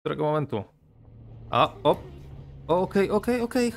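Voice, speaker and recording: A man hosting a let's play, excitable and joking, swearing often as he commentates casually. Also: fairly high pitch, normal speed, soft background music. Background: game audio.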